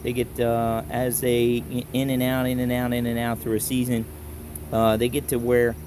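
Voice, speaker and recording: A man with a Baltimore accent gives a casual, plain-spoken hands-on tutorial in halting, folksy phrases, talking to a handheld camera. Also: mid-range voice, monotone, a little mellow, slight background noise. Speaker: instructor in a do-it-yourself tutorial. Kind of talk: casual hands-on how-to explanation. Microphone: handheld camera held while demonstrating.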